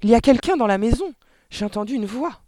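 A man's voice: high-pitched, wildly swooping pitch, brisk, mellow, no room sound, clean studio sound, pitched above the performer's own voice, exaggerated voice. A man doing a shrieking panicky mother. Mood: panicked.

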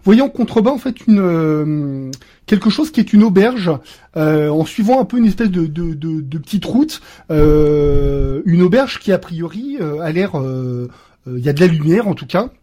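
Acting as game master for a tabletop game, a man with a notably high, warm voice narrates at a moderate pace with lively intonation. He hesitates a lot, filling pauses and restarting sentences, and sprinkles playful sound effects into his descriptions. He comes through a computer microphone on an online call.

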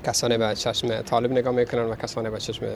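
The delivery is completely flat and gravelly, from a mid-range male voice over slight background noise. Speaking casually with an Afghan accent, this Dari-native refugee and interpreter offers testimony and interprets in halting non-native English, repeating words for emphasis.

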